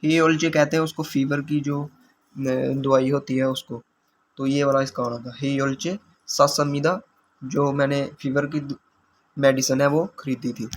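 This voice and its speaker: A man's voice: mid-range voice, level tone, unhurried, a little hiss or hum. A man teaching language exam questions, explaining answers patiently step by step.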